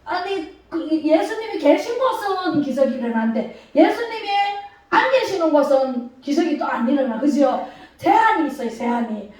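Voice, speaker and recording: Woman pastor preaching, high voice, asks the crowd questions, big echoey church, mic far off. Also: normal speed. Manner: lively, calls out questions to the congregation, acts out shouting. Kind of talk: sermon. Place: church sanctuary.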